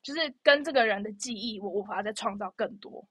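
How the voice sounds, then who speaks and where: A young woman co-hosting a podcast, telling stories in a chatty, animated way with lots of fillers. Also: mid-range voice, brisk, husky, no room sound. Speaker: podcast co-host. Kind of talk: casual chat.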